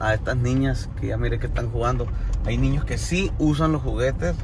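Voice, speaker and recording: A man, a vlogger talking casually and warmly to his viewers while out in a small town. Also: mid-range voice, background noise. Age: adult. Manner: friendly, folksy, talks straight to his viewers. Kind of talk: casual vlog commentary. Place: outdoors in a small town, moving between street and car.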